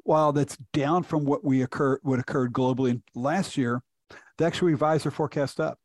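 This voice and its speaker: A man's voice: medium pitch, fairly even intonation, fairly quick, a little mellow, dry recording, clean studio sound. A middle-aged man from Houston, a chief economist, explaining reports in a conversational podcast interview with frequent restarts. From Houston, Texas.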